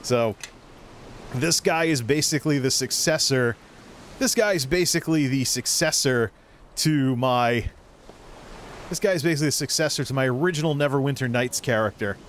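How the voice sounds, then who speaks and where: A man's voice: mid-range voice, moderate pace, long pauses, slight background noise. A man giving casual gameplay commentary, rambling and thinking aloud as a video creator.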